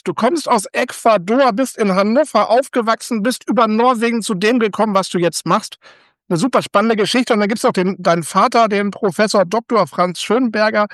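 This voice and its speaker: A man hosting a podcast, with an upbeat, lively presenting manner. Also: high-pitched, no echo, clean studio sound. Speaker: podcast host.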